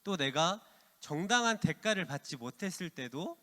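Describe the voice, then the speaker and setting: A middle-aged man preaching to teenagers as youth pastor, lively and calling them by name. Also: sits high, moderate pace. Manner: lively, addresses teens by name. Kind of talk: youth sermon with quiz. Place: church hall. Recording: long hall reverb.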